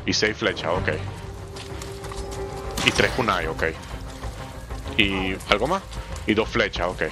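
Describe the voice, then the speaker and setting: A man giving slangy, animated let's play commentary and talking back to the game's characters. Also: lowish voice, takes it slowly. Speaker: gameplay streamer. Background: game music.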